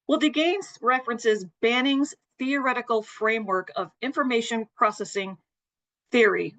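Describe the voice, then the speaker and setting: Slightly high woman presenting a webinar. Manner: explanatory, steady, apologetic over glitches. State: losing her voice, clearing throat. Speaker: nursing educator presenting a webinar.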